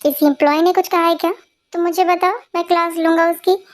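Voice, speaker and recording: Woman voicing a brisk young male boss. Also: very high voice, fairly even intonation. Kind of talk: amateur dubbed fan story.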